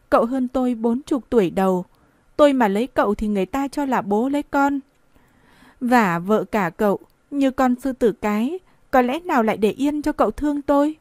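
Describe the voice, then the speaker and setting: A woman's voice: high voice, darkish tone, dry recording, clean studio sound, natural voice. A woman voicing a proud, desperate pregnant girl of eighteen in an audiobook, pleading and indignant. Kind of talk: audiobook dialogue reading.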